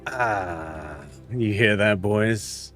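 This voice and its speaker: A man voicing a gruff, menacing street thug with a sly, taunting manner in a tabletop game. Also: fairly low pitch, very slow, a bit bright. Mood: jeering. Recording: music playing behind.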